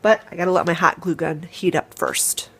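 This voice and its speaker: A woman running a crafting channel hosts a casual tutorial at home, walking through each step as she thinks out loud. Her voice is lowish and fairly even at a moderate pace, and her nose sounds congested and stuffed up.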